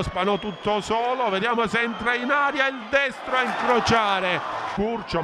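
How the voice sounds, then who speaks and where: High-pitched, breathless male football commentator. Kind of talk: excited Italian football highlights commentary. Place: outdoor football stadium. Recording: noisy open-air stadium ambience.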